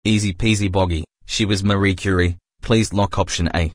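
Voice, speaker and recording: A man's voice: sits low, fairly even intonation, moderate pace, natural voice. A man voicing a young, cocky yet anxious underdog contestant in a cartoon quiz show parody. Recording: clearly noisy background.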